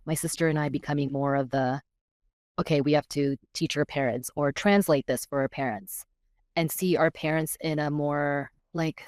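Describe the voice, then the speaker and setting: A woman in her thirties, born in Korea with Korean as her first language and raised in California, speaks reflectively as a podcast guest in casual chat, searching for words as she goes. Her voice sits low and is darkish and steady at normal speed. The sound is clean studio audio with no room sound.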